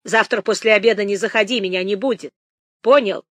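A woman's voice: medium pitch, no echo, studio quality, natural voice. A woman doing a bossy, grumbling shopkeeper. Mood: grumbling, scolding. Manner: scolding, grumbling, quick to complain. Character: brisk, bossy female village shopkeeper.

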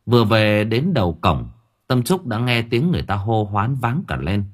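Deep expressive male audiobook narrator. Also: normal speed. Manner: expressive storytelling. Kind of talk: scripted story narration.

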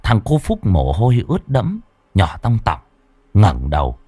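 A man's voice: lowish voice, huge pitch swings, measured pace, darkish tone, slightly rough, no room sound. A man narrating a ghost story in a dramatic, scripted way. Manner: dramatic, swooping storytelling delivery. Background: faint background music.

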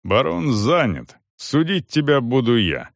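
A man voicing a stern, weary medieval soldier who gives curt, unhurried commands. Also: mid-range voice, big pitch swings, gravelly, no room sound, clean studio sound, pitched above the performer's own voice. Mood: commanding.

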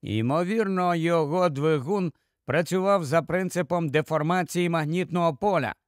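A man reads a story aloud with dramatic, expressive delivery. His voice sits a bit high for a man. The recording is dry and close, with no echo. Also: moderate pace. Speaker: audiobook narrator. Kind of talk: scripted story narration.

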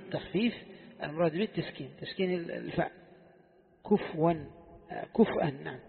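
A man's voice: fairly high pitch, rapid-fire, creaky, husky. A man teaching a class as a sheikh, asking his students questions and repeating key phrases. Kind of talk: classical text lesson. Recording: echoey hall, tinny phone-like sound.

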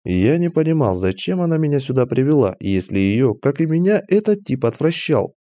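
A man reading a fantasy audiobook aloud as first-person narration, in an animated, expressive manner. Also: mid-range voice, moderate pace, dry recording.

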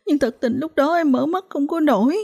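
A woman voicing a grieving rural mother who sobs with guilt, in a tearful, high, strained voice. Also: a little fast, gravelly, a little mellow, muffled recording. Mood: sobbing guilt.

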